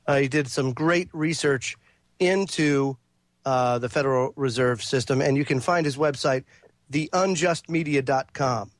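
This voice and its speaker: A congested-sounding male talk radio host delivers a monologue, reading quotes, passages, and lists aloud with frequent fillers and restarts. His voice is medium-pitched and a little slow, recorded in clean studio sound with no echo.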